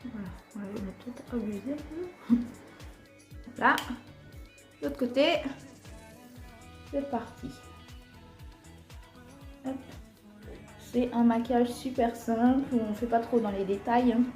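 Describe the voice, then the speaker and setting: A woman's voice: fairly high pitch, slow, pauses often, a little mellow, roomy sound, soft background music. A woman with an Alsatian accent chatting casually through a makeup tutorial, talking while she applies her makeup, with lots of fillers. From Alsace, France. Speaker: beauty vlogger.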